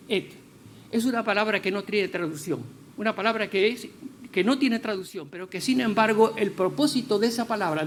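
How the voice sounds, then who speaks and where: A man preaching a sermon in a church, stressing key words slowly and building to loud, firm declarations. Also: sits high, a little hiss or hum.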